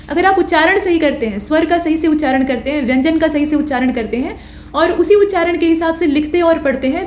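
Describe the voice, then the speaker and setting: A woman's voice: extremely high pitch, echoey room, slight background noise. A woman teaching an exam-prep grammar lecture, patiently explaining rules and answering her own questions.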